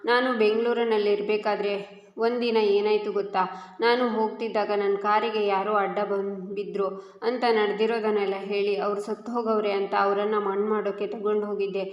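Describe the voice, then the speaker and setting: A woman with a Kannada accent narrating a TV serial episode, reading every character's lines in the same steady voice. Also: medium pitch, normal speed, muffled recording. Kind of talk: storytelling narration with quoted dialogue. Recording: echoey room with long reverb.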